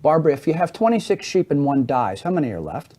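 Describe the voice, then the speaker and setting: A man's voice: fairly high pitch, sing-song, fast talker, dark tone. A middle-aged man on a talk show explaining hearing to the hosts, teaching in a didactic way and acting out little everyday scenes. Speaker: hearing aid specialist guest.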